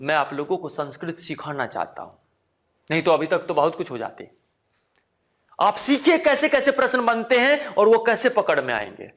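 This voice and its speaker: A man's voice: sing-song, normal speed. A man teaching a Sanskrit exam-prep lesson, repeating key words back to the class as questions and checking in with them again and again. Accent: Hindi. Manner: asks the class "ठीक है ना?" again and again; drops to a low, quiet voice at times.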